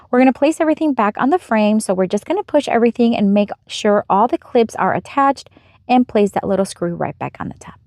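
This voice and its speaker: A woman's voice: mid-range voice, a little mellow, no echo, studio quality. A young adult woman narrating a step-by-step craft tutorial in a chatty, upbeat voice-over. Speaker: craft channel host.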